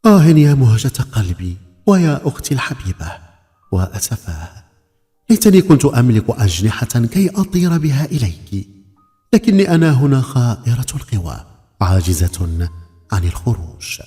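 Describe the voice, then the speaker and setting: A man voicing a grieving young mother calling from beneath the water in a storybook tale, soft and sorrowful. Her words echo with a long hall reverb. Faint music runs behind. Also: mid-range voice, very animated, normal speed, natural voice. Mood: mournful. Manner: soft, mournful.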